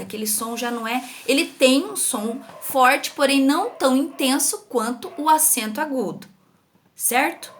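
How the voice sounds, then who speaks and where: A woman's voice: sits high, a bit bright, slight background noise. A young Brazilian woman teaching an online grammar lesson to children, patient and sing-song, often checking in with her pupils. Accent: Brazilian Portuguese. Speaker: school teacher.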